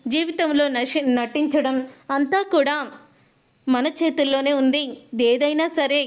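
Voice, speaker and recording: A woman's voice: high-pitched, fairly even intonation, unhurried. A woman voicing a crafty mother who reassures her daughter in a soothing, sly way.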